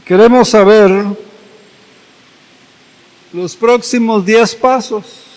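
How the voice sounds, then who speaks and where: A man pastor preaching a sermon, retelling scripture slowly and dramatically with repeated phrases. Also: high-pitched, steady tone. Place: church hall. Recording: echoey church hall.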